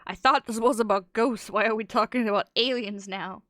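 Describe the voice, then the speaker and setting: Casting: a blunt, wry woman reacting to videos, bright, slightly high voice. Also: fairly quick, slight background noise. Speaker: reaction streamer. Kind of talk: casual reaction commentary.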